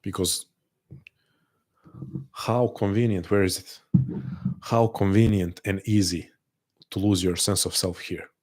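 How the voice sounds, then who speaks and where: Taking it slowly and pausing often, a man with a deep, darkish voice and fairly even intonation leads a live online call. His reflective talk to the audience is thoughtful and earnest, full of repetitions and restarts as he works through ideas.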